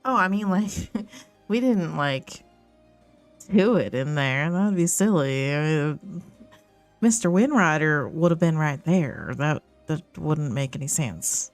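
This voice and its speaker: A woman's voice: low-pitched, animated, measured pace, faint music behind. A woman voicing a coy, flirty, playfully evasive female suspect in a tabletop roleplaying game. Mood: coy, flustered.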